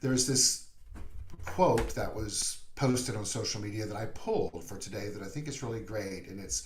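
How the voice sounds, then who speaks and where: A man speaking as a minister in a conversational sermon, playful and animated, acting out little asides. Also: on the low side, moderate pace, slight background noise. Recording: roomy echo.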